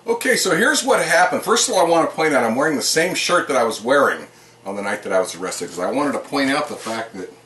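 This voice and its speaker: A man's voice: medium pitch, lively intonation, quick pace, pushed and bright. A man telling a personal account to the camera inside his house, in a plain, earnest way with many fillers. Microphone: camera set up in the room.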